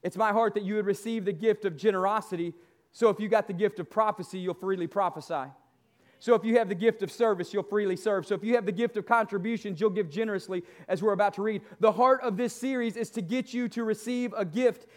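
High-pitched preacher man, exhorting. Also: fast. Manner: exhorting, motivational, seeking amens from listeners; emphatic, repeats key phrases. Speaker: pastor. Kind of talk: church sermon.

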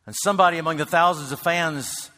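A man preaching a sermon to a congregation, swinging between loud calls and near-whispered lines. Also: on the high side, fast talker. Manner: builds to loud shouts, then drops to a hush. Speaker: pastor. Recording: reverberant hall.

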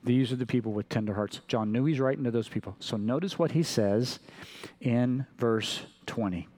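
Man preaching a sermon, telling Bible stories. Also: normal speed. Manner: storytelling, acting out quotes with shifting pitch and loudness. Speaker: pastor.

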